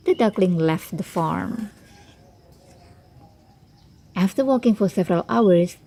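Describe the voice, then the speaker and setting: A woman narrating a children's fairy tale in an expressive storybook read-aloud manner. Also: medium pitch. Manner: expressive, clearly scripted storytelling.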